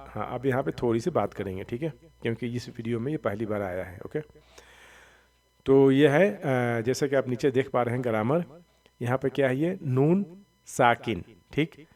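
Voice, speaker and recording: A man teaching Quran reading, patiently spelling out syllables slowly and then explaining the rules in quick asides. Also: mid-range voice, darkish tone, far from the mic. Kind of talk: recitation lesson, spelling out letters.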